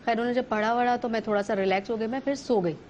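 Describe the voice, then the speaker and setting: Brief: woman from Pakistan, talk-show guest, lively storyteller, slightly high voice, faint hiss. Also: racing, highs cut off. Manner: vivid storytelling, acts out others' lines.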